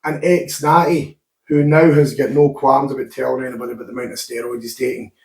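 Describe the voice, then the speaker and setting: A man's voice: mid-range voice, little pitch movement, fast talker, darkish tone, reverberant. A Scottish man hosting a casual podcast chat, talkative and swearing freely. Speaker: podcast host and gym owner.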